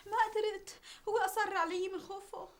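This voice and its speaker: A woman's voice: very high voice, steady tone, a little fast. A scared, stubborn young woman. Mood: frightened. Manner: defensive, hushed then pleading. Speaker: younger sister in trouble.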